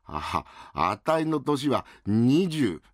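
Guy doing a dopey young fella, slow drawl, bouncy high-ish rakugo voice, dry sound. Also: big pitch swings, dry recording, exaggerated voice. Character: dim-witted easygoing young man, twenty. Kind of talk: rakugo storytelling.

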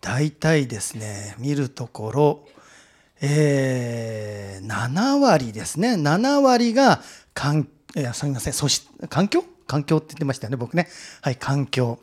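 A man's voice: medium pitch, very animated, measured pace, a little mellow. A man giving a talk to a live audience, telling an anecdote in a chatty way and polling the listeners by show of hands. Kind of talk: animated storytelling lecture.

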